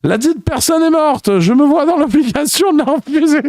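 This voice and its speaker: A man's voice: extremely high pitch, expressive, moderate pace, darkish tone, no echo, clean studio sound, pitched above the performer's own voice. A man voicing a pompous male police officer who makes stiff, formal announcements through a megaphone. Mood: officious.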